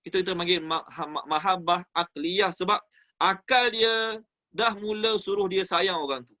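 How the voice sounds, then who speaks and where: Man, Malaysian Malay accent, religious class lecture, high bright voice, dull lo-fi sound. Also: normal speed. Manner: animated, uses everyday examples and asks the audience questions. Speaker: religious teacher. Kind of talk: Quran study class lecture.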